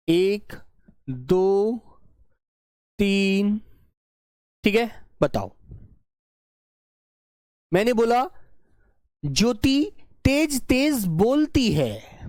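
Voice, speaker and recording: A man teaching an online grammar lesson, slowly dictating example sentences, repeating phrases and checking that his students follow. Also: high voice, darkish tone, no room sound, clean studio sound. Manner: repeats phrases and keeps checking the class understands.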